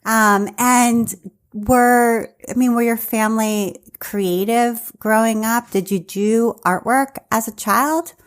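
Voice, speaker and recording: A woman hosting a craft business podcast, reading sponsor copy and a guest introduction in a smooth, upbeat way. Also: a little high, steady tone, slow. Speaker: podcast host. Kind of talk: scripted intro and interview.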